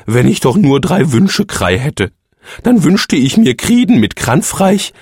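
A man's voice: on the high side, very animated, unhurried, a little mellow, slightly rough, no room sound, studio quality, voice pushed up, full character voice. A man voicing a weary, grumpy male phoenix ruler in a comic story, with a raised, exasperated delivery. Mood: wistful.

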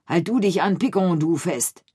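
A woman's voice: on the low side, lively intonation, normal speed, warm tone, breathy edge. A woman voicing a brave, bossy male animal who leads the others in a storybook reading. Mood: commanding. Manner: bold, commanding.

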